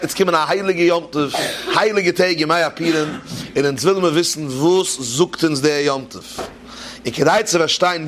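A man's voice: on the high side, fairly bright tone, a little hiss or hum. A man giving a religious talk, telling jokes and asking rhetorical questions as he teaches. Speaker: preacher. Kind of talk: Yiddish-style Torah talk with jokes.

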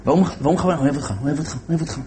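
A man telling a religious story as a sermon in an animated way, acting out the voices of the characters. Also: fairly high pitch, noisy background.

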